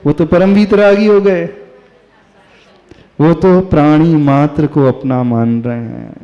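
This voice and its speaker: A man, a Jain monk, delivering a devotional sermon, asking his listeners questions and chanting verses slowly. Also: on the high side, dark tone. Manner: slow, asks the audience questions. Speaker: Jain monk giving a discourse. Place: hall with listeners. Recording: reverberant hall, dull lo-fi sound.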